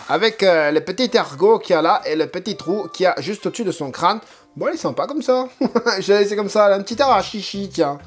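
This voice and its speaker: A man casually commenting on a figurine unboxing, joking and rambling with lots of hesitant fillers. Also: high voice. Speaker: unboxing video host. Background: faint background music.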